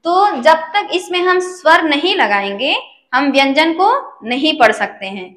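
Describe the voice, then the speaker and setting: This Sanskrit teacher's high, slightly bright voice rises and falls in a lively way as she works through a slow lesson without hurrying. She's patient and keeps checking whether her listeners understand, and the room carries an echo.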